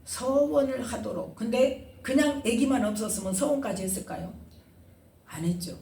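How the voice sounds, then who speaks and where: A woman's voice: on the high side, lively intonation, moderate pace, vocal fry, dark tone, distant mic, slight background noise. Woman pastor preaching in an echoey hall. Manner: call-and-response questioning, dramatic retelling. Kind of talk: sermon.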